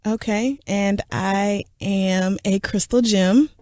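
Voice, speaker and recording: A woman's voice: mid-range voice, fairly even intonation, takes it slowly, a little mellow, no echo. A woman co-hosting a podcast, teasing and laughing in casual chat. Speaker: podcast co-host.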